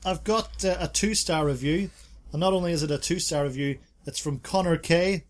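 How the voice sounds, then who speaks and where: His voice is fairly high-pitched and delivered at normal speed. The man co-hosts a laid-back podcast where he discusses bars and reads reviews aloud with playful asides.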